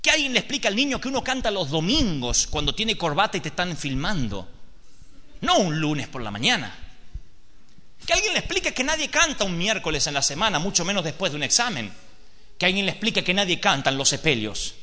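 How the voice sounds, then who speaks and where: A theatrical male preacher telling a story from the pulpit, emphatic and direct with his listeners. His voice is high, bright and animated, echoing through a large hall. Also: brisk. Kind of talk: dramatic sermon storytelling. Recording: echoey hall.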